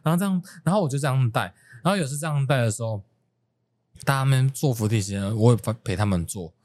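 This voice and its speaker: A man's voice: medium pitch, fast, no room sound. A middle-aged man from Taiwan, a podcast host and retired career NCO, telling army stories in casual chat over drinks, laughing often and acting out his old scolding. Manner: animated storytelling, laughs often, acts out scolding.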